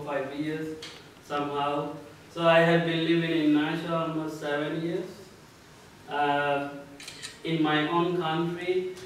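A man in his thirties from Burma, with a Burmese accent, speaking in earnest, halting English as a speaker on a community panel. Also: fairly high pitch, a bit bright, slight background noise. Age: 30s. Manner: earnest, plain-spoken, halting with filler pauses. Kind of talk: personal testimony at a community panel. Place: small meeting room indoors. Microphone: far room mic. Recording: echoey room from far off.

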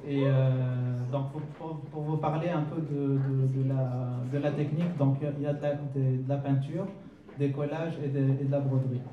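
Young man speaking in a flat, even tone. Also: medium pitch, moderate pace, highs cut off. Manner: hesitant, repeating words. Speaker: artist presenting his work. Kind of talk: short speech at an exhibition opening. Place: large glass-walled hall, indoors. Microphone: handheld mic. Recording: echoey hall, mic far off, crowd.

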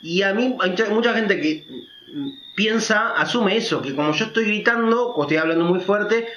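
A man giving a casual opinion monologue as a vlogger, talking loudly and emphatically and checking in with frequent tag questions. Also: high-pitched, normal speed, echoey room, highs cut off, slight background noise. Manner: naturally loud, emphatic speaker.

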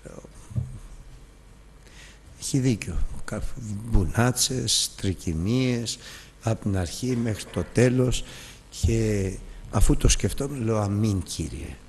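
A man teaching a Bible lesson as a sermon, telling stories with lively, emotional acted dialogue. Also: lowish voice, long pauses, in a large hall, a little hiss or hum. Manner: emotional storytelling, acts out dialogue.

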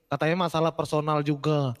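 A man with a fairly high voice chimes in excitedly and indignantly during a game roleplay interview. A long reverb trails after his words. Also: brisk.

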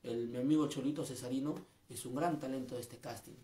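A man's voice: medium pitch, steady tone, fairly quick, dark tone, roomy sound, a little hiss or hum. A man, a street comedian, making an earnest, aggrieved personal statement, repeating his points. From Peru.

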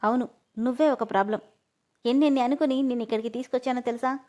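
A woman's voice: a little high, steady tone, fast talker, a little mellow, natural voice. A woman reading as a short-tempered male boss. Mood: scolding. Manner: scolding, irritable.

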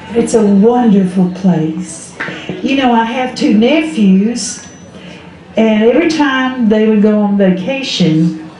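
A woman's voice: medium pitch, mellow. An older woman with an Appalachian accent tells folksy stories to an audience, often quoting conversations, speaking into a handheld microphone outdoors. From Southern Appalachia, Smoky Mountains. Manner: folksy, quoting relatives and neighbours in dialogue. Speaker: storyteller. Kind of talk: live folksy storytelling to an audience. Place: outdoors under an open tent at a public event. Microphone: handheld microphone through a PA. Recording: echoey outdoor PA with faint noise.

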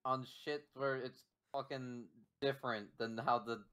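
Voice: medium pitch, steady tone, measured pace, fairly bright tone. A person in a casual argument with a friend, stubbornly insisting and teasing, with lots of swearing.

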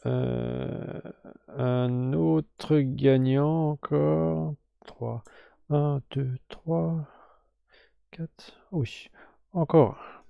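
A man hosting a live game stream, slowly drawing giveaway winners and muttering to himself with whispered asides. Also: a little high, gravelly, no echo, narrow, tinny audio.

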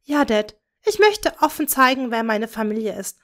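A woman's voice: a little high, lively intonation, normal speed, natural voice. Woman reading as a young earnest witch.

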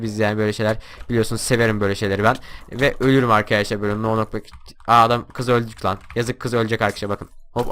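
Fast, bright-voiced young man gaming. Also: mid-range voice. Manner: excitable, shouts and taunts at other players. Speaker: gaming YouTuber. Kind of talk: live gameplay commentary.

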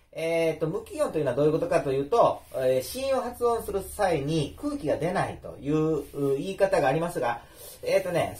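A man giving an informal spoken lesson, explaining step by step with many pauses and fillers. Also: mid-range voice, darkish tone. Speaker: language teacher. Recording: roomy echo.

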